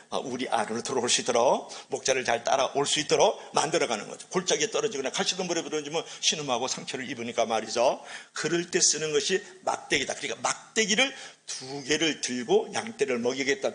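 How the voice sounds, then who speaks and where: A male pastor preaching a sermon in an animated way, asking the congregation questions. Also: medium pitch.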